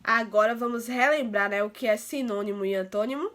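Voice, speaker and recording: A woman with a Brazilian Portuguese accent teaching a grammar lesson to children, affectionate and tagging nearly every phrase with little check-ins, stretching words out slowly to show their syllables. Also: on the high side, loud music behind the voice. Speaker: primary school teacher.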